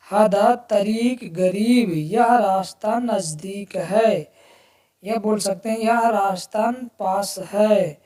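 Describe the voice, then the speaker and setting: A woman gives a phrase lesson at an unhurried, measured pace, at a middling pitch. She repeats each phrase and then explains it word by word. Her voice sounds set back from a distant microphone. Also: darkish tone. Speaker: language teacher. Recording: voice distant from the mic.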